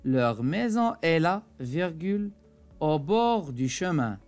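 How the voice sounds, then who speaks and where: Woman teacher doing a kids reading lesson, real slow and careful, repeats stuff, voice goes up and down a lot. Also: low-pitched, very animated, darkish tone, faint music behind. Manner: slow, careful, repeats each point for a child. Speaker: primary school teacher. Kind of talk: reading lesson for young children.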